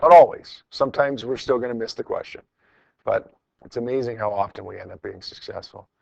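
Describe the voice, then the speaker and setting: Brisk and creaky, this middle-aged high school physics teacher has a lowish, darkish voice. He lectures his class in an informal, encouraging way, working through problems and repeating phrases for emphasis. The dry recording has its highs cut off.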